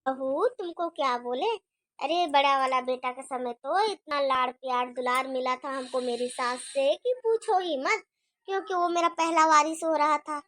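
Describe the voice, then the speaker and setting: A woman's voice: high-pitched, normal speed, a bit bright, dry recording, clean studio sound. A woman voicing a fond, worried older mother-in-law in a cartoon story, fussy and chatty.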